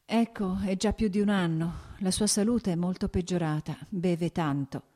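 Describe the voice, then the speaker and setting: A woman's voice: on the low side, normal speed, warm tone, pitched above the performer's own voice, lightly acted. A woman voicing a timid, anxious young woman who speaks simply and shyly, read as an audiobook character. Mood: worried.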